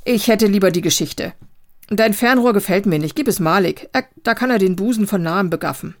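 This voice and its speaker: A woman's voice: medium pitch, brisk, close to an everyday voice. A woman voicing a scornful, mocking old male scholar while reading a novel aloud. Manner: teasing, scolding.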